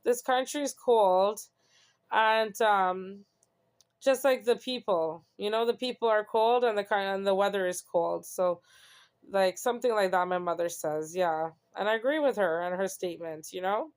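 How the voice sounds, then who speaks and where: Earnest young woman, smooth voice. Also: medium pitch, normal speed. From Canada. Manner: earnest, reflective, rambling with many "you know"s. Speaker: host. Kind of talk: casual personal monologue.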